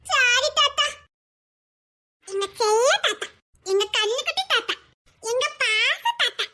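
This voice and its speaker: A pair of cheeky little children, voiced by a woman, tattling in squeaky, giggly chatter. The voice sits extremely high and sounds bright and sharp. It is a comic family skit. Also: slow pace, heavily acted.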